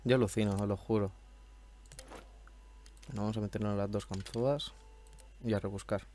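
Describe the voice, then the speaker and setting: At home in a room, this man commentates a video game, chatting casually and swearing despite a slight cold that leaves his throat a bit hoarse. His voice is on the low side and mellow, with fairly even intonation and a normal speed, over slight background noise.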